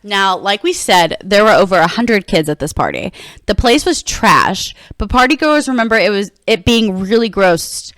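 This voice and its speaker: A woman's voice: medium pitch, expressive, moderate pace, a bit bright, dry recording. A woman co-hosting a true crime podcast, telling the case in a chatty way with dry asides. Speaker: podcast co-host. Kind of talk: casual true crime storytelling.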